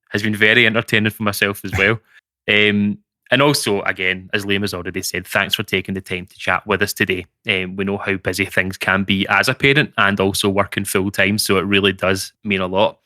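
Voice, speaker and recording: A man's voice: fairly low pitch, level tone, fairly quick, pushed and bright, dry recording. A man co-hosting a podcast, chatting casually with a guest. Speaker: podcast co-host. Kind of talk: casual conversational interviewing.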